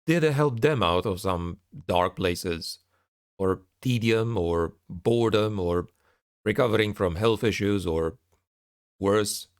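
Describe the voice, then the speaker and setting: A man's voice: lowish voice, slow, no echo, studio quality. A man giving a candid spoken update to his viewers, talking in a frustrated, sardonic way as an online creator. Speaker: online narrator and content creator.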